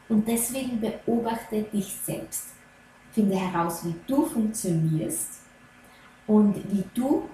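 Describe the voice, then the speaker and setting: Slow gentle woman coaching on ayurveda, earnest, talks right at you, really echoey room. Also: mid-range voice, slight background noise. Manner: gentle, earnest, addresses listener directly. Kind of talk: slow advice talk to viewer. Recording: very echoey room, faint ambience.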